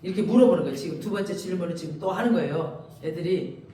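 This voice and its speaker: A high-voiced male pastor preaching a Bible-exposition sermon, animated and storytelling, acting out the speeches of the figures he quotes. He sounds set back from the microphone, and his voice rings through a strongly echoing church hall. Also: fast, slight background noise. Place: church sanctuary. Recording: echoey church hall, mic at a distance.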